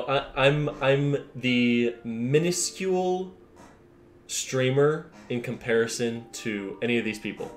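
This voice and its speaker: Blunt, slow-talking man ranting. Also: lowish voice, echoey room. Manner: blunt, rambling, swears freely. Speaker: commentary host. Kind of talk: casual reaction commentary.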